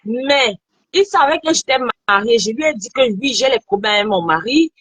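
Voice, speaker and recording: A woman in her thirties telling a story in an animated, repetitive way during a casual chat. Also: a little high, normal speed, husky, no room sound. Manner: animated storytelling, repeats phrases.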